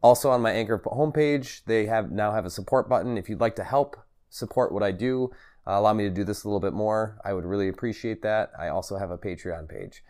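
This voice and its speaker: A man with a low-pitched voice talks alone as the host of a podcast filmed for video. His delivery is halting and rambling, as he circles back, repeats phrases and corrects himself. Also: a little mellow. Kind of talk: solo vlog talk to camera, also a podcast. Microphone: recorded on camera for video and podcast.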